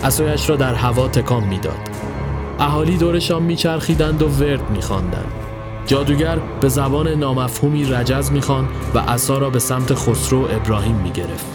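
A man giving a scripted narration of a horror story in a steady storytelling voice. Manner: steady storytelling, dropping low for tense moments. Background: faint music.

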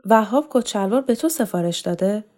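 A woman's voice: mid-range voice, lively intonation, a little mellow, pitched above the performer's own voice, natural voice. A woman voicing a wistful middle-aged woman who recalls the past, in a spoken audiobook reading of a novel. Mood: subdued. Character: middle-aged woman remembering her dead sister.

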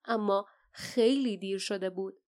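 A woman narrating an audiobook in a steady, dramatic storytelling manner. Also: medium pitch. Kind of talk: scripted narration.

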